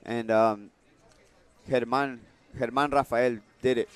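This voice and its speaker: A man's voice: mid-range voice, fairly even intonation, slow, clear, resonant tone. A man commentating on boxing in a casual, unscripted way, often repeating and rephrasing his points. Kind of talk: casual unscripted fight analysis.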